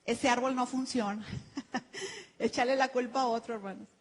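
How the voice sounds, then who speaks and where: A woman pastor preaches to her congregation, her voice pitched high and lively as she acts out everyday excuses. The sound carries a long reverb tail from a church hall. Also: unhurried. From Mexico. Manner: animated, acts out excuses in quoted voices, addresses congregation as "hermanos". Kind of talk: sermon. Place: church sanctuary.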